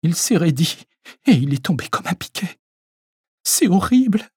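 A man's voice: high-pitched, very animated, moderate pace, darkish tone, slightly rough, no echo, clean studio sound, pitched above the performer's own voice, heavily acted. A man voicing a shaken elderly woman who tells what happened in a hiccuping, choked voice. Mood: distraught. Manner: hiccuping, breathless telling. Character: shaken old woman, sobbing out her account.

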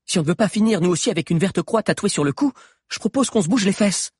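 High-pitched, brisk storybook runaway who gives orders; a man voices it. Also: expressive, breathy edge, no room sound, clean studio sound. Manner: brisk and bossy.

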